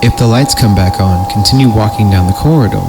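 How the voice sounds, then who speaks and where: Here a man hosting a podcast performs horror stories dramatically, cutting in with playful asides. His pitch is fairly low, he speaks a little fast, and music runs behind him.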